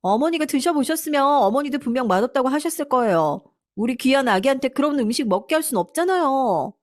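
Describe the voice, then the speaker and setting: A woman's voice: sits high, expressive, fast, no room sound, studio quality, voice pushed up. A woman voicing a spoiled, rude young wife who talks down to others with a sneering, whiny manner.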